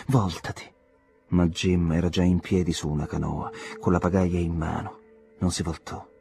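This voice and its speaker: A man reading a novel aloud as an audiobook narrator, measured and expressive. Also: low voice, breathy edge. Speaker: audiobook reader.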